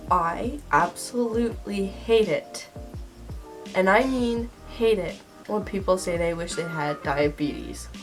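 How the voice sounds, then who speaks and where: A woman's voice: mid-range voice, takes it slowly. A young woman hosts a casual vlog, sounding bunged up with a man-flu style head cold. Her delivery is sarcastic and emphatic, and music plays behind her. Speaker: video host. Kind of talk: casual scripted list vlog with acted skits.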